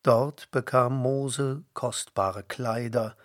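A man reading a children's bible story aloud with calm, deliberate storytelling. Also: medium pitch, dry recording, clean studio sound. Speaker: reader.

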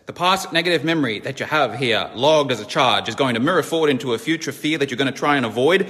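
A man giving a blunt, emphatic self-help lecture that turns into a sales pitch, swearing freely. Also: pushed and bright. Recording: long hall reverb.

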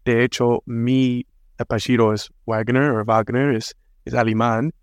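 An American man, a native English speaker, hosts a casual podcast in a medium-pitched, smooth voice with flat delivery and a measured pace. He talks hesitantly, restarting sentences and using lots of fillers. The recording is dry.

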